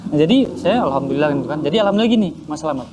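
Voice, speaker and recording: A man telling his personal conversion story in a casual interview, animated and acting out his parents' voices. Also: fairly high pitch, rapid-fire, noisy background. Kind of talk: casual spoken testimony.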